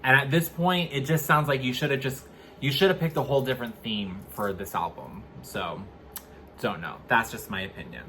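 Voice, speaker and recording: Halting, candid man reviewing music. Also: mid-range voice, sharp tone, slight background noise. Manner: hesitant, restarts often, candid and opinionated. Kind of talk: casual album review chat.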